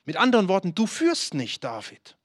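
High-voiced preacher with dry sound. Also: male voice, huge pitch swings, normal speed, dry recording. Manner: urgent, challenging, direct address, acts out voices of excuse. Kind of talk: sermon.

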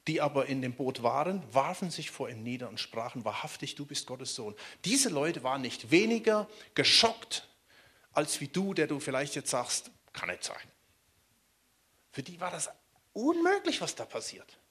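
A man from Germany preaching a sermon in a lively way, often turning to ask his listeners questions. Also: fairly high pitch, normal speed, breathy edge. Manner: animated, asks the listeners questions.

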